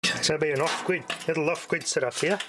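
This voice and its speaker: Speaking quickly in a fairly high voice, a man rambles and mutters to himself while demonstrating radios he's testing as a hobbyist vlogger. Loud noise and handling clicks fill the recording.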